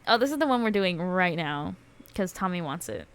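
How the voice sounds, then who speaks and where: A woman's voice: fairly low pitch, very animated, moderate pace, slight background noise. A woman on a casual gaming stream who reads game text aloud and laughs often between jokey asides.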